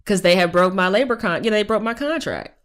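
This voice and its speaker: A woman's voice: mid-range voice, lively intonation, fast, fairly bright tone. A woman in her thirties, a professor guest on a podcast, telling a personal story frankly and emphatically, with profanity and pointed rhetorical questions.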